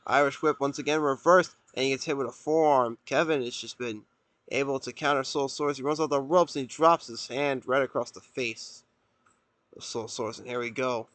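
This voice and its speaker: A man doing play-by-play as a wrestling commentator, with an excitable delivery. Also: mid-range voice, moderate pace, no room sound. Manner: excitable, erupts into shouting at big moves.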